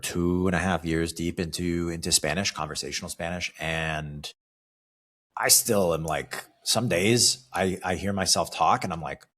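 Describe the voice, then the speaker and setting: A low-pitched, somewhat bright voice belongs to a fitness coach from California, who speaks unhurriedly in his solo motivational podcast. His style is conversational, with many phrases closing on an inquiring "right?".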